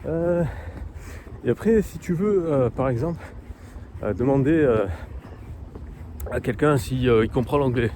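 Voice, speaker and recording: A man talking casually to the camera while walking outdoors in a park, hesitant and full of fillers, slowly sounding out foreign words. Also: medium pitch, background noise. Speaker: vlogger learning Polish. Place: outdoor park in cold weather.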